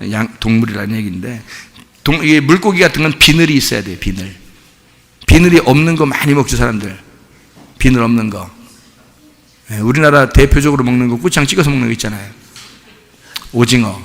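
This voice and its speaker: Male pastor, conversational sermon, quizzes the listeners, gravelly voice, long church reverb. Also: mid-range voice, fairly bright tone. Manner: conversational preaching, quizzing the congregation.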